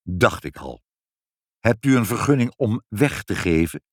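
A man voicing a fussy elderly male civil servant, a grandfather who talks gruffly and gets muddled, in a storybook reading. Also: lowish voice, animated, measured pace, no room sound, clean studio sound. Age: older. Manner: gruff, then doting and muddled.

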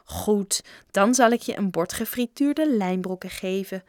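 A woman's voice: medium pitch, measured pace, no room sound, close to an everyday voice. Lady reading as a sweet old dinner lady, motherly and sugary, dry close sound, storybook. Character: kindly old female school dinner lady.

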